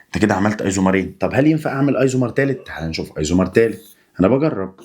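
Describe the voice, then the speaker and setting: With a fairly low, animated voice that is a little mellow with a breathy edge, a young man speaking in an Egyptian Arabic accent races through a lively chemistry exam review. He's chatty and coaxing, answering his questions as if he were the student.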